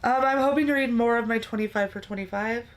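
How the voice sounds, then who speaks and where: A woman's voice: on the high side, quick pace. A woman, tired and yawning, chatting dryly and teasingly with her co-host. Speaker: livestream co-host. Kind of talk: casual chat.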